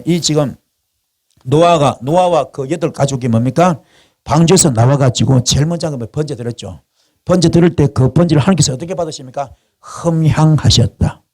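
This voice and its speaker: A man from South Korea preaching a fervent sermon as pastor in a prayer house, repeating calls in chant-like runs and rising to sharp climaxes. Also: medium pitch, husky.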